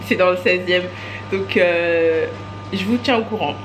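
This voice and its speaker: A young woman talking casually to her vlog audience as she rushes around town, exasperated and hurried, dropping English phrases into her speech. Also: fairly low pitch. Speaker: vlogger. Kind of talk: casual day-in-my-life vlog chat. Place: outdoors on city streets and at a bus stop. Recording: street noise and passing vehicles behind.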